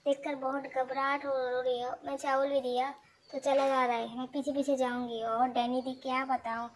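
A woman's voice: high voice, level tone, normal speed, low-quality recording. A woman narrating a casual vlog as she cares for a hurt bird and scolds her dog. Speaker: vlogger.

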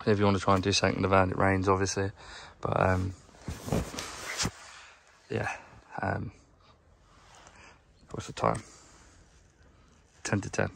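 A young man, a plumber, chatting casually to camera in a rambling, low-key way while tidying his van, filmed on a handheld phone. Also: level tone, unhurried, vocal fry, pauses often, background noise. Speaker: plumber vlogger. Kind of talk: casual vlog narration while working. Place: inside a work van, outdoors nearby.

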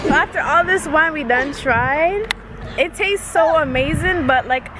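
A woman's voice: high-pitched, measured pace. A young woman vlogging to her viewers in a playful, slangy, chatty way, filming herself close up with a handheld camera. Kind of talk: casual vlog chat. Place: busy winery tasting room, indoors. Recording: noisy crowded room.

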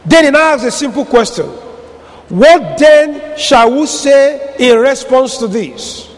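A man preaching a sermon in a church, stretching out key words and now and then shouting for emphasis. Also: very high-pitched, expressive, slow pace, long reverb tail. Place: church hall.

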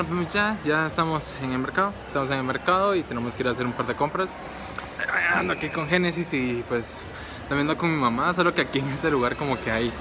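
A young Guatemalan man vlogs casually while out and about at the market and at home, rambling with lots of fillers and restarts. His voice is on the high side, with background noise present.

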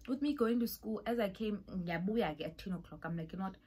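A woman's voice: mid-range voice, brisk, noisy background. A young woman with a South African accent telling a dramatic storytime vlog, with whispered asides. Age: young adult. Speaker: vlogger.

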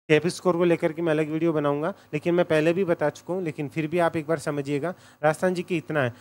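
A man giving a casual exam coaching lecture, direct and repetitive, often checking "okay?". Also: a little high. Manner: direct, repeats points, says "thik hai" often.

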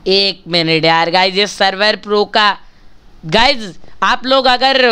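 A man's voice: high-pitched, pushed and bright, a little hiss or hum. A male gaming channel host giving chatty, casual commentary while he plays, talking straight to his viewers and bargaining with them for likes.

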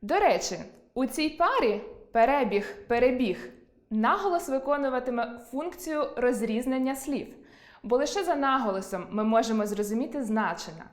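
A woman teaching an online lesson, reading from a script and slowly drawing out example words. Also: high voice, animated, roomy sound.

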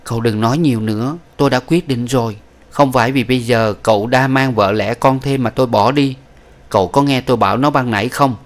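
A man reading an audiobook, voicing a proud young wife who lectures in a cool, measured way. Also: mid-range voice, lightly acted. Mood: cold, firm. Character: young woman, proud, cold-tempered wife. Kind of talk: audiobook character voice.

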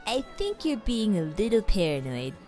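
A woman voicing a brash, carefree young female camp counselor in an animated parody, sassy and casual. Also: medium pitch, normal speed, lightly acted. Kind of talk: amateur animated parody voice acting. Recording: music behind the voice.

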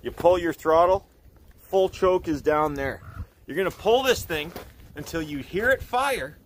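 A man's voice: on the high side, measured pace. Folksy man demonstrating outdoors. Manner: relaxed, folksy, thinks aloud with fillers. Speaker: channel host demonstrating chainsaw maintenance. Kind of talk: casual how-to demonstration. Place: outdoors in a snowy rural yard by a shed. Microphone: camera mic, he moves nearer and farther. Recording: outdoor camera audio with clear background noise.

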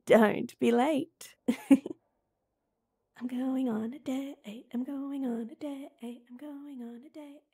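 In this audio roleplay, a voice actress plays a young woman hiding a crush on her childhood friend, trading playful banter with him and whispering her inner thoughts. She sounds giddy and nervous, using a high voice with a dark tone and a breathy edge, and the performance is heavily acted.

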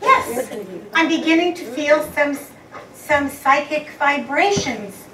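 A woman's voice: high-pitched, expressive, takes it slowly, a bit bright, full character voice. An older woman acting a theatrical psychic medium in an amateur stage play, dramatic with gasps and exclamations. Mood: mystical. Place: community hall stage with live audience. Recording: echoey hall from far off, noisy.

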